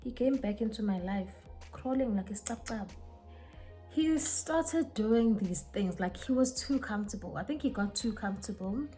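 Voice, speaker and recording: Animated South African woman, mellow voice. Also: mid-range voice, normal speed, faint music behind. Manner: animated, code-switching, dramatic retelling. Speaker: vlogger. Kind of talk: casual storytime while getting ready.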